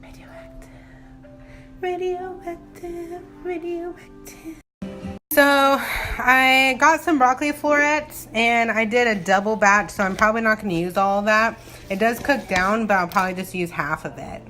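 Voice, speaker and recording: A woman with a high, sharp voice, fairly even intonation and normal speed hosts a loose, casual cooking video in her home kitchen, thinking aloud and drifting into playful asides. It's recorded on a phone in a noisy kitchen, with dishes and pans clattering and faint music behind.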